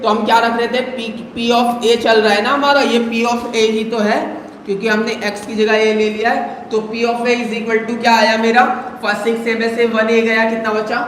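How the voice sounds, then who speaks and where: A man's voice: very high voice, flat delivery, moderate pace, fairly bright tone, slight background noise. A male math teacher giving a live online lesson, coaxing students with rhetorical questions and calling them "beta". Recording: very echoey room, faint ambience.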